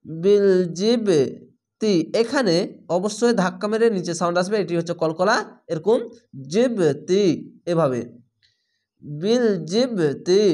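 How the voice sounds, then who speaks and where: A man with a notably high voice leads a Quran reading lesson. He breaks each word into its letters and vowel marks, then repeats it whole, always patient and methodical. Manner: patient, repetitive letter-by-letter spelling. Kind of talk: slow spelled-out recitation lesson.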